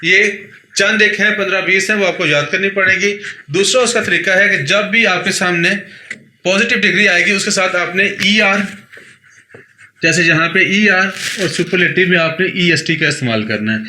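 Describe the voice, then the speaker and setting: Speaking at a normal pace in a high, sharp voice, a man with a Pakistani Urdu accent works through English grammar, repeating himself patiently and confirming his students understand. Faint noise and echo fill the room.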